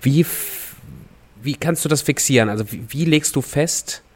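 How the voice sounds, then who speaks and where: A man's voice: mid-range voice, normal speed. A man hosting a podcast, casual and enthusiastic as he asks his guest questions. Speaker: podcast host. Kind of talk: podcast conversation.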